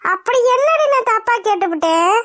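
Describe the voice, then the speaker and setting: A woman voicing a sharp-tongued old grandmother in a cartoon, teasing and scolding. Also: very high voice, animated, moderate pace, no echo, studio quality. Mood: mocking. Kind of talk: cartoon voice acting.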